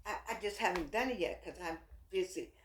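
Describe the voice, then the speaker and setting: A woman's voice: lowish voice, brisk, slight background noise. Lady with no teeth, sassy folksy chat, voice swings up and down a lot, roomy echo. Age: middle-aged. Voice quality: toothless, slightly soft articulation. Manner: animated, sassy, folksy, repeats phrases for emphasis. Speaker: vlogger. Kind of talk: casual chat, rambling advice to viewers. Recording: echoey room.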